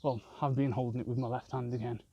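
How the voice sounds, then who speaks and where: A man's voice: medium pitch, level tone, quick pace, dark tone, dull audio, slight background noise. A man rambling and swearing constantly as he films a vlog on a walk outdoors in a park with his phone. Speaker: vlogger. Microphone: handheld phone camera.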